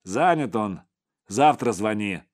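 A man's voice: fairly low pitch, expressive, slow, a little mellow. A man voicing a mocking, dismissive male gangster speaking over the phone in an audiobook. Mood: sneering. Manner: sneering, dismissive.

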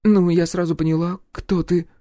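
A man's voice: high voice, level tone, normal speed, dark tone, no echo, studio quality, pitched above the performer's own voice, natural voice. A man voicing a terrified young woman who stutters and wails through tears in an audiobook. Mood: tearful pleading. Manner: stuttering, wailing, pleading. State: crying.

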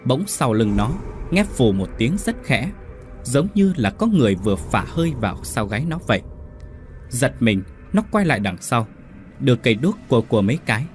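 A man narrating a ghost story in a suspenseful, expressive scripted style. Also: medium pitch, moderate pace, faint music behind.

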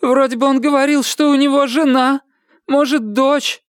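A narrator voices a plaintive old woman in a storybook reading, her voice pushed high and quavering, fussy and easily rattled. The reading is dry and close. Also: fairly even intonation, moderate pace, no echo, natural voice. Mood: shaken. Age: older.

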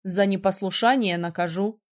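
A woman's voice: medium pitch, steady tone, moderate pace, close to an everyday voice. A woman voicing a young male mage prince who is arrogant and hot-tempered, speaking in a curt, commanding way in an audiobook. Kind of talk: audiobook character voice.

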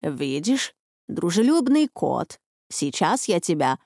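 A woman voicing a sly talking male cat in an audiobook, coaxing and hushed. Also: fairly low pitch, sing-song, slow, no room sound, studio quality, full character voice. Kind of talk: audiobook reading.

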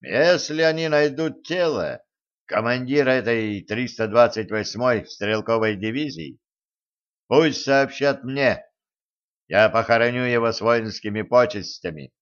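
A stern German general in a wartime audiobook, clipped and irritated, slow and deliberate, as a male reader puts him on. The voice sits a little higher than the reader's own, and the recording sounds dull and muffled. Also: clean tone, close to an everyday voice. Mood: solemn.

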